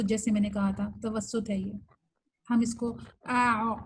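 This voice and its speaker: A woman's voice: on the high side, darkish tone, husky, poor audio. A woman teaching an online recitation class, explaining things patiently and mixing English terms into her speech.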